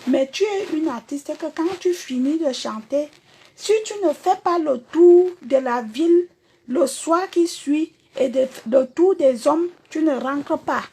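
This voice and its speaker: A woman's voice: sits high, measured pace, dark tone. A woman singer with a Cameroonian French accent, talking bluntly and confrontationally to viewers in a livestream rant. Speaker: singer and performer.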